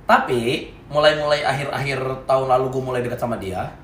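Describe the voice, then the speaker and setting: A young man telling a story as a podcast co-host, casual and slangy, acting out quotes with sudden loud bursts. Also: mid-range voice, quick pace. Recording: echoey room, faint noise.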